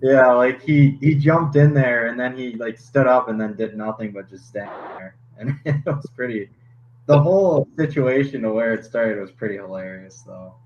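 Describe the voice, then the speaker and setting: A young man, a hockey goalie guest on a podcast, chatting casually and laughing often, with halting restarts. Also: medium pitch, darkish tone. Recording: slightly dull podcast audio with faint noise.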